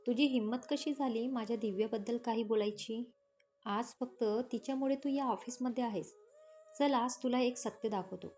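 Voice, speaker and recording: A woman's voice: a little high, normal speed, dark tone, natural voice. A woman voicing a stern young male company boss who speaks in commanding tones. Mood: angry.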